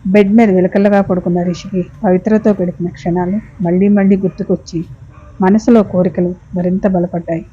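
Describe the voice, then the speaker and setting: Husky dark-voiced woman storyteller. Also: lowish voice, brisk. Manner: steady, dramatic storytelling. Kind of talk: scripted story narration. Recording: muffled lo-fi recording.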